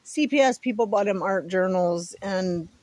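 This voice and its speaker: A woman's voice: mid-range voice, moderate pace, darkish tone. A woman chatting casually to viewers outdoors in a folksy, rambling way, with wind on the mic. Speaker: vlogger. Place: outdoors at home, with pets around.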